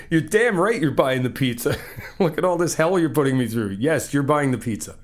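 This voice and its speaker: In this ASMR roleplay, a young man with a fairly high, animated voice speaks at a measured pace as a supportive friend helping paint someone's new apartment. His manner is easygoing and comforting, with frequent teasing and laughter.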